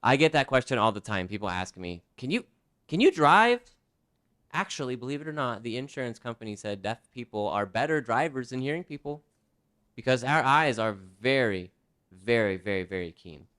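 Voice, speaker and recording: A man working as a sign language interpreter, speaking a presenter's signed talk aloud in the first person, conversational and lively. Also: medium pitch, fairly quick, smooth.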